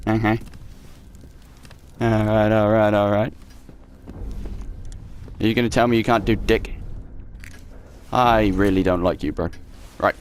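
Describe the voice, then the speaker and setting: Over faint game music and slight background noise, a young man hosts a let's play of a horror game in a lowish, slightly mellow voice. He casually reads in-game notes aloud, makes sarcastic remarks, and swears at the game.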